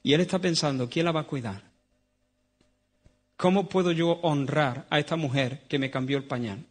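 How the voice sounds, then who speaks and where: A man from Spain with a Spanish accent, preaching a sermon in a church, swinging between loud emphatic lines and hushed tones. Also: fairly high pitch, normal speed.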